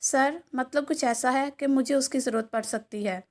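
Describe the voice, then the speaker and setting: A woman's voice: high-pitched, moderate pace, darkish tone, natural voice. A woman voicing a nervous young male assistant who stammers and flusters before his boss.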